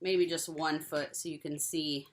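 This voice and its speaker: A woman's voice: low voice, little pitch movement, measured pace. A young woman giving cheerful step-by-step craft instructions to children. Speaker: teacher.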